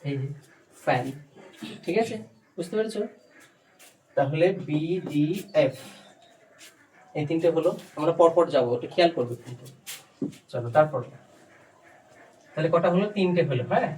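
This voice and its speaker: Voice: medium pitch, expressive, normal speed, long pauses, darkish tone. A teacher giving a patient phonics lesson, repeatedly asking the learner questions and checking understanding. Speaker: spoken English teacher. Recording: distant mic, faint background noise.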